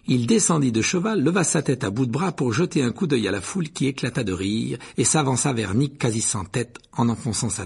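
A man reading a novel aloud as narrator, with an expressive, varied delivery. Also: mid-range voice, vocal fry, breathy edge. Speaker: audiobook narrator. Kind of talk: storybook reading with character voices.

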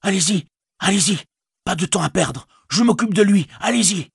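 A loyal young hobbit barks out urgent, fierce words, as a man voices him for an audiobook. The voice is raised well above the reader's deep natural tone and keeps a husky edge. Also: animated, moderate pace, no echo, clean studio sound, heavily acted. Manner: urgent, breathless shouting. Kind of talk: audiobook character voice.

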